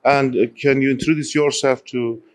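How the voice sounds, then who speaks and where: A man's voice: mid-range voice, fairly even intonation, normal speed, no room sound. A man who natively speaks Kurdish, interviewing and interpreting in a hesitant way, searching for his words.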